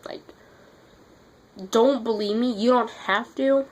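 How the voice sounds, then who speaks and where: A teenage girl tells a story in a casual vlog while sick, losing her voice and dealing with a runny nose, and she's blunt, exasperated and swears freely. Her voice is a little high and darkish in tone, steady and slow. The sound is lo-fi.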